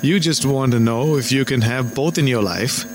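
A man's voice: medium pitch, normal speed, music in the background. A man hosting a casual, frank advice chat, speaking bluntly and teasingly. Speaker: host giving relationship advice.

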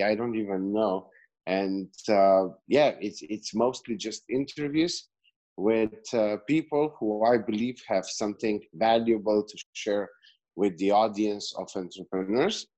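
Chatty man from Slovenia, low voice. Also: a little mellow, poor audio. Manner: rambling, chatty, many fillers and restarts. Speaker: podcast guest, business coach. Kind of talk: casual interview answer.

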